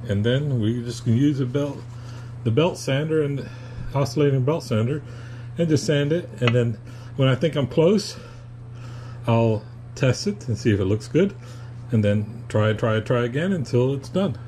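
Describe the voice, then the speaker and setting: A man explaining a woodworking project in a casual, unhurried how-to manner, with fillers as he goes, recorded in a home shop. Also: mid-range voice, dark tone, a little hiss or hum. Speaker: woodworking hobbyist.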